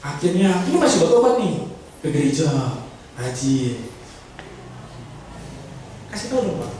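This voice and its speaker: A man's voice: a little high, very animated, measured pace, dark tone, slight background noise. A man preaching to a congregation, acting out a pleading sinner in a dramatic sermon illustration. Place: church hall. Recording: echoey church hall from far off.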